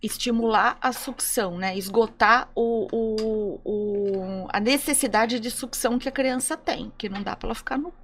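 Brazilian woman dentist on a chat show, fairly high voice, bright tone, explains stuff calmly and clinically. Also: moderate pace, few pauses, a little hiss or hum. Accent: Brazilian Portuguese. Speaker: dentist guest. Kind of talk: casual talk show chat.

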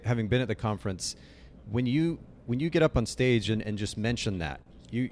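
A man interviews a guest as a podcast host. He speaks at a quick clip in a conversational style, his pitch a bit low. A light rumbling noise runs behind him. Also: darkish tone.

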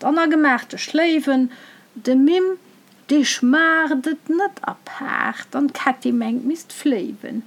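A woman reciting a rhyming dialect tale in a measured, rhythmic way. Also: high voice. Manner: measured, rhythmic verse delivery. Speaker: storyteller.

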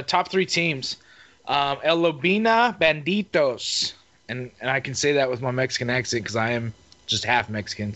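A man co-hosting a casual fishing show chat, relaxed and rambling with many fillers. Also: on the high side. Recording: muffled lo-fi audio.

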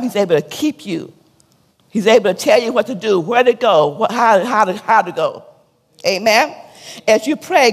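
Husky-voiced woman pastor preaching. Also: mid-range voice, long reverb tail. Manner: preaching with call-and-response questions and repetition; drops to a soft, hushed tone when telling a sad story. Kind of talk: sermon.

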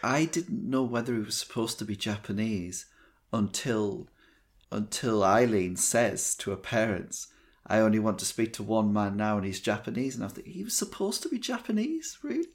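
Low-voiced man critiquing a film. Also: steady tone. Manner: measured, critical, hesitant with fillers. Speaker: podcast co-host. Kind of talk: casual film discussion.

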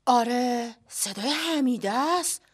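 A woman's voice: fairly high pitch, expressive. Woman playing a blunt, teasing busybody.

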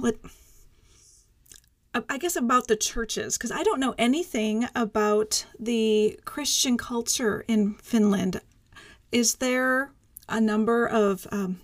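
A woman's voice: a little high, dry recording. A woman hosting a faith podcast, affirming and encouraging her guest in casual chat. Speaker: podcast host.

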